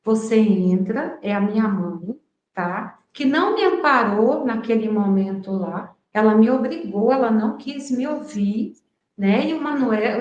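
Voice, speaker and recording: A woman's voice: on the high side, dull audio. A woman in her fifties from Brazil, retelling a personal memory at length with emotion and frequent asides. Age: 50s. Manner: emotional, drawn-out retelling with many "né". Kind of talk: personal storytelling. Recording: echoey room.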